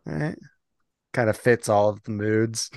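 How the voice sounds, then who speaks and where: A man's voice: lowish voice, a little slow, creaky, no room sound. A man co-hosting a podcast in casual chat, rambling from topic to topic and laughing often. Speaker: podcast co-host.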